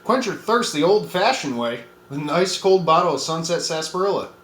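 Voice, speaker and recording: A man putting on a folksy cowboy pitchman. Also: lively intonation, fairly quick, a bit bright. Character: folksy adult male cowboy soda pitchman. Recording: roomy with faint background noise.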